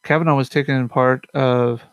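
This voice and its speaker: A man's voice: medium pitch, fairly even intonation, brisk, clear, resonant tone, no room sound. A young man hosting a casual politics show from his room at home, rambling with fillers and self-corrections. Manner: mutters to himself. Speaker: host of a politics commentary show.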